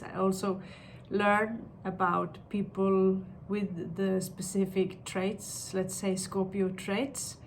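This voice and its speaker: A woman giving an unscripted tarot reading like a fortune teller, pronouncing on what the cards show in halting short phrases. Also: medium pitch, vocal fry, slight background noise. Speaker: tarot card reader.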